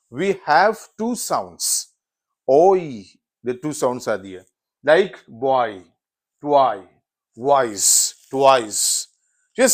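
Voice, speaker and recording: A male teacher with an Indian accent explaining English vowel sounds in a mix of Hindi and English, repeating "yes" and "so" between example words. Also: fairly high pitch. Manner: drawn-out, repetitive explanation with frequent "yes" and "so". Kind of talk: phonetics lesson mixing Hindi and English.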